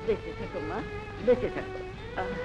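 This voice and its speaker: A woman's voice: extremely high pitch, huge pitch swings, normal speed, dull audio, over loud music, exaggerated voice. An actress playing a village mother in a melodramatic film, scolding one son and soothing the other. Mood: tender. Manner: reproachful, then tender and soothing. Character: a stern but loving village mother. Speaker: mother of the brothers.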